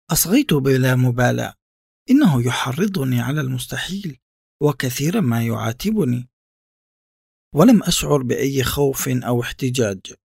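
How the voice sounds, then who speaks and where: Gravelly, husky male literary reader. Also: medium pitch, a little mellow, no room sound, studio quality. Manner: measured, reflective first-person reading. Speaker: narrator. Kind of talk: literary reading.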